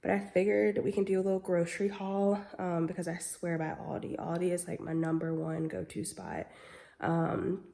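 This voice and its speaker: Stuffy and nasal with a cold, a young vlogger talks at normal speed in a warm, creaky, lowish voice. Her casual chatter is loaded with fillers like "um" and "like."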